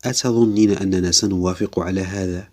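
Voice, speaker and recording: A towering male jinn speaks harshly and threateningly in a storybook tale. A man reads him in his own very low, husky voice. The tone stays hard throughout. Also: steady tone, a little fast, darkish tone. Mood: angry. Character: huge angry male jinn with yellow eyes.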